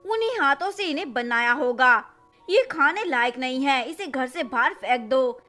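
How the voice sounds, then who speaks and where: A woman's voice: high-pitched, animated, normal speed, soft background music. A woman voicing a scornful, taunting older mother-in-law in a drama recap. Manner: taunting, sharp-tongued.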